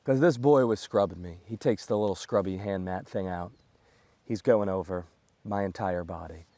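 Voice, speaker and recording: An American man, a comedian, telling a comic story in a chatty, self-mocking, animated way. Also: deep voice, normal speed, dry recording. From United States.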